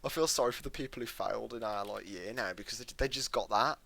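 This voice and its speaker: A British man in his late teens co-hosting a podcast in casual chat, loud and chatty, often trailing off into quiet asides. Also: fairly low pitch, fast talker, vocal fry. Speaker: podcast co-host.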